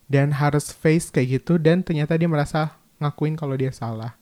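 A man's voice: on the high side, normal speed, darkish tone. A young man telling a painful personal story in a casual, emotional way. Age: young adult. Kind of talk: casual confessional chat.

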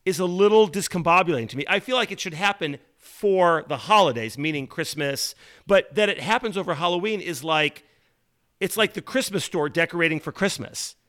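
High bright-voiced man, chatty. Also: animated, a little fast. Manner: enthusiastic, tells corny jokes. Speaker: podcast co-host. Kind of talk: casual chat.

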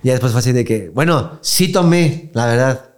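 A young Mexican man co-hosting a podcast. He tells his story in a casual, slang-heavy way and keeps slipping into the voices of the people in it. His voice sits at an ordinary middle pitch. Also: lively intonation, normal speed. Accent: Mexican Spanish. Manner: slangy, acts out quoted voices, laughs often. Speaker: podcast co-host.

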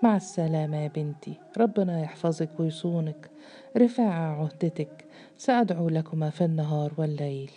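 A woman's voice: low-pitched, brisk, mellow, lightly acted. A woman voicing a tearful, tender mother. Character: tearful mother bidding farewell.

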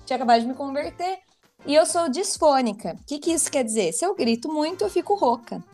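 A woman with a Brazilian Portuguese accent, telling a personal story in a casual chat, lively and quick to laugh. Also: high voice, soft background music.

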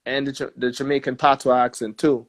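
A man with a New York accent, a musician guest in a casual interview, relaxed and dropping "man" and "bro" often. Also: medium pitch, brisk.

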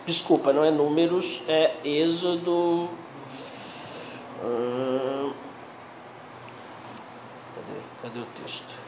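A man's voice: a little high, takes it slowly, pauses often. A Brazilian man preaching a sermon as pastor, talking in a conversational way and often putting direct questions to his listeners. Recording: very echoey room with faint background noise.

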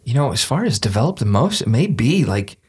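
A man co-hosting a casual film discussion, relaxed and agreeable, often answering with short affirmations. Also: mid-range voice, fairly quick, slightly rough. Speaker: podcast co-host.

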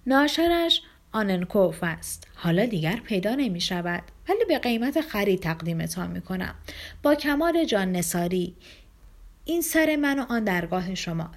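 A woman reading the part of a fawning, obsequious middle-aged man in an audiobook, with flowery, servile speech. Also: medium pitch.

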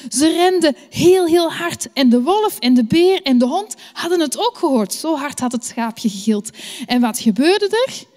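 A Flemish woman with a high voice tells a children's story in an unhurried, lively way, asking the children questions. Her voice rings in a long reverb in a church hall.

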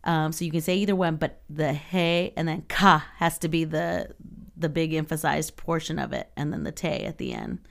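A woman's voice: low-pitched, lively intonation, fairly quick, gravelly. A woman co-hosting a casual podcast chat, rambling with many fillers and laughing easily. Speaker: podcast co-host.

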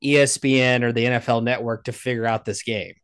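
Male podcast co-host, raspy and a bit hoarse, mid-pitched, informal sports chat and storytelling. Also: steady tone, fast talker, fairly bright tone. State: hoarse after vacation.

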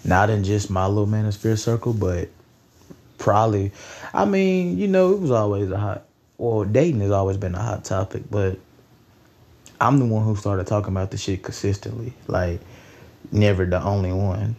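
A man's voice: fairly low pitch, normal speed, gravelly, darkish tone. A nineteen-year-old man hosting a solo podcast, rambling in a loose, profane, conversational way. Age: late teens. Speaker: podcast host.

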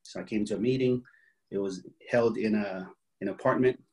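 A man's voice: fairly low pitch, normal speed, darkish tone, rough recording. A man in his thirties from Hawaii, telling his story as an interview guest in an easygoing way with many fillers. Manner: easygoing storytelling with frequent "um" and "you know". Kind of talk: casual interview.

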